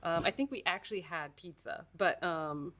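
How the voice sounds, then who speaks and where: An American woman from the United States, her voice lowish and her pace moderate, chats casually while working on her crafting livestream. She is self-deprecating, laughs often, and sounds a little congested. The background is noisy.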